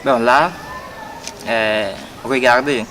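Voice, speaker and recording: A man's voice: mid-range voice, steady tone, very slow, bright, forceful tone. A young man, giving an earnest political statement for an interview and hesitating often with fillers and repeated words. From Togo. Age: 20s. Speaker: young party activist. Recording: noisy outdoor street recording.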